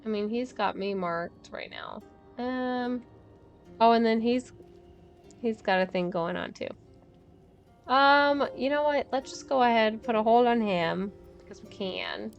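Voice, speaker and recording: A woman's voice: on the high side, a little slow, lo-fi sound, faint music behind. A woman streaming a game, chatting casually and thinking aloud while she plays, with frequent laughs. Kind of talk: casual gameplay commentary.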